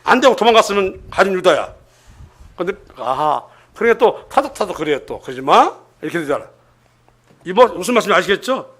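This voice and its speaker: An older man preaching a church sermon. He keeps quizzing the congregation with rhetorical questions and swings between emphatic loud lines and hushed asides. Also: high voice, very animated, fairly quick.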